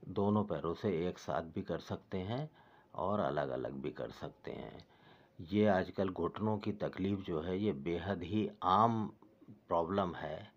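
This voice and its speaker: Slow, deep-voiced man guiding exercises. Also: highs cut off. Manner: patient, repetitive step-by-step guidance. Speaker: fitness instructor. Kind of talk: instructional exercise demonstration.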